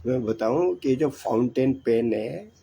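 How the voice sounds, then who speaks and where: A man's voice: medium pitch, expressive, a little slow, vocal fry, warm tone, a little hiss or hum, low-quality recording. An older man giving earnest, repetitive advice about saving money. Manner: preachy, repetitive, exhorting. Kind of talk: earnest monologue.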